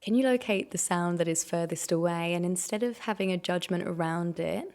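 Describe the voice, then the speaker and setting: A woman guiding a meditation, her voice sitting a little low with a gravelly fry at the edges. She speaks slowly and gently, leaving long pauses between soothing prompts. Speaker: meditation guide. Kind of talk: guided meditation.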